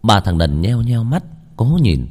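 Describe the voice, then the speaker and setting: Deep-voiced guy telling a spooky story, lots of swing in his pitch. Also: animated, unhurried, darkish tone. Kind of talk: scripted ghost-story narration.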